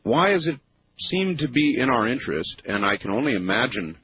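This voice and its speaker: A man hosting a talk radio show, giving earnest, argumentative commentary and musing aloud, often dropping low at the ends of phrases. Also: big pitch swings, brisk. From United States. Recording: tinny lo-fi radio broadcast.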